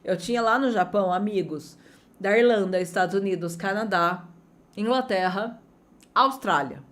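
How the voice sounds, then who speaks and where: A woman from Brazil teaching an online English lesson, energetic and chatty, with big swings of pitch as she talks straight to her students. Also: normal speed.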